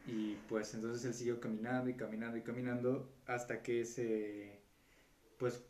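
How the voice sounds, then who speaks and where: A man's voice: mid-range voice, little pitch movement, moderate pace, a little mellow. A man telling a story in casual, rambling chat, full of slang and filler words. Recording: roomy echo with faint background noise.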